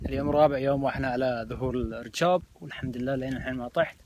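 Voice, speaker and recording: A quick-talking man on delivers casual, playful comic bits in colloquial slang. His pitch is middling, and faint noise sits behind him. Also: fairly even intonation. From United States. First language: English. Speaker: social media comedian and vlogger. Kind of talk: casual comic talk to camera.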